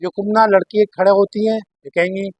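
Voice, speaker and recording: Man, high pitch, dry close sound; patient grammar teacher who repeats each form slowly. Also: little pitch movement, no room sound. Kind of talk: Arabic grammar lesson.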